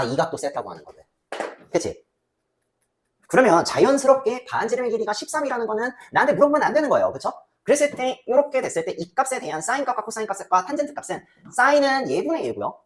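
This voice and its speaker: A woman teaching a math lesson in a casual, chatty way, often asking the students to check along. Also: on the high side. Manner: chatty, asks students frequent checking questions; voices student replies herself. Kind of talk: casual lecture.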